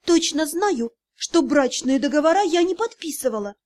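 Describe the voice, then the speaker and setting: A woman playing a frightened young heroine with a high, tense voice that pleads and protests. Her words come out shaken and strained, the way an audiobook heroine pushes back. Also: expressive, normal speed, darkish tone. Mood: tense, pleading. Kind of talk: audiobook character voice.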